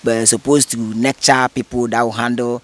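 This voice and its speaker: A man's voice: medium pitch, flat delivery, normal speed. A man, a guest in an interview, explaining things earnestly and at length. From Ghana. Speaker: interview guest, head of a cleanup group. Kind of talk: casual interview.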